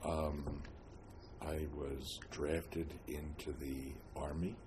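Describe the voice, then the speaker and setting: An elderly man with an American accent looks back on his life in an oral history interview. His voice is extremely low and he speaks slowly, halting and searching between phrases as he reminisces. There is clear noise behind him. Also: level tone. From New Jersey, United States. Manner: halting, with long pauses and frequent hesitations. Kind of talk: reminiscing, telling life story.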